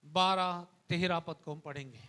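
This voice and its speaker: A man with an Indian accent preaching a sermon to his church, dropping to hushed asides and then rising to loud calls, repeating phrases to the congregation. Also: on the high side, steady tone, a little slow. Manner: swings between hushed asides and loud exhortations. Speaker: pastor. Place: church hall.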